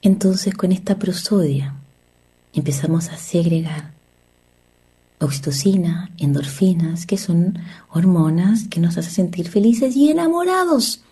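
A woman's voice: on the low side, animated, measured pace, warm tone, breathy edge. A woman therapist giving an earnest motivational talk on relationships, asking her listeners rhetorical questions.

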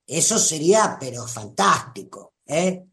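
A mid-range voice, very animated yet measured in pace, belongs to a host with a Rioplatense Spanish accent. Like a spiritual teacher, they offer a gentle, reflective live talk and reply to listeners by name.

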